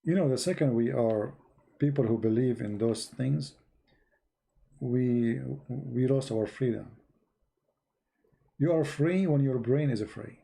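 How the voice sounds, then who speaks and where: An English-speaking man delivers a live-streamed religious talk to an online audience, blunt and emphatic, repeating words for stress and using non-native grammar. His mid-range voice is slow and dark, with vocal fry and long pauses.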